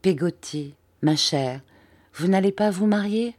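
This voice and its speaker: A fragile young mother in an audiobook scene, as a woman reader puts her on. She speaks softly and tenderly, with a worried undertone. Her voice is low and mellow. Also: measured pace.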